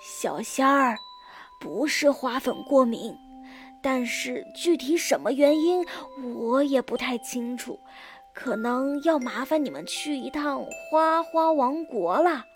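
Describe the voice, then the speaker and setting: A woman voicing a kind, wise old grandfather in a children's story, speaking slowly and gently. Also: high voice, expressive, soft background music. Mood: gentle.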